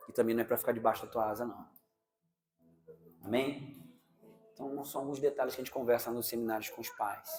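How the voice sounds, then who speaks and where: A Brazilian man preaching a sermon, animated, firing rhetorical questions at the congregation and acting out parents and children in quick asides. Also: mid-range voice, soft background music.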